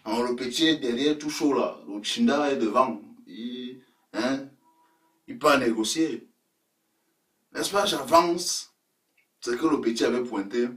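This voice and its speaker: A man telling a comic personal story in lively slang, with punchy asides to his listeners. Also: medium pitch, normal speed. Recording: roomy sound from a distant mic.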